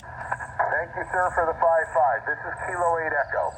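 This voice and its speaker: A man's voice: on the high side, fairly even intonation, moderate pace. A man working as a ham radio operator at a museum ship station, heard through a radio receiver, spelling call signs phonetically and politely asking for repeats. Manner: polite and patient, repeats requests. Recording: distant noisy radio signal with static.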